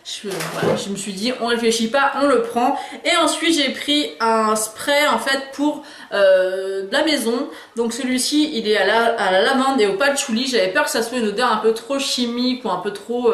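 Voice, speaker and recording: Casting note: upbeat woman, somewhat high voice, home haul vlog in a room with echo. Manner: chatty, enthusiastic, frequent hesitations. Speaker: beauty and lifestyle YouTuber. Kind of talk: casual haul video chat.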